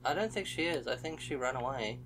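A young man narrates his way through a horror game in casual commentary. His voice swings widely in pitch, rising into startled yelps and exclamations whenever something jumps out at him. He reacts quickly and talks to the creatures on screen. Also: animated, fairly bright tone, slight background noise. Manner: jumpy, exclaims and yelps at scares. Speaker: let's play host.

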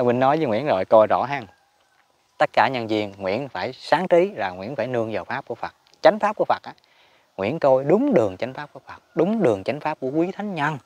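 A man's voice: medium pitch, dry recording. A man giving a casual Buddhist teaching talk, chatty and emphatic, chuckling often. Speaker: spiritual teacher.

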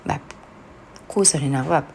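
A woman's voice: measured pace, a little hiss or hum. A Thai woman teaching everyday spoken Japanese in a casual lesson, patiently explaining and modeling example phrases.

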